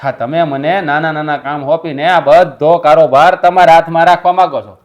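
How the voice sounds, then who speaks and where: An actor playing a resentful younger brother who insists on taking over the business in a family drama. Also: male voice, on the high side, steady tone, fairly quick, natural voice. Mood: defiant. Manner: defiant, insistent. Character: resentful younger brother demanding his share. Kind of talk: Gujarati family stage drama.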